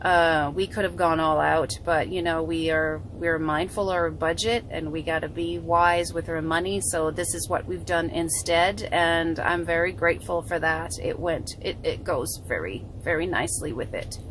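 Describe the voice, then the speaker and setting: A woman's voice: sits low, steady tone, normal speed, few pauses, noisy background. Chatty woman vlogging from her car. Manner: chatty, frequent restarts and fillers. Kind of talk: casual vlog update. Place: parked car. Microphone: phone camera held close.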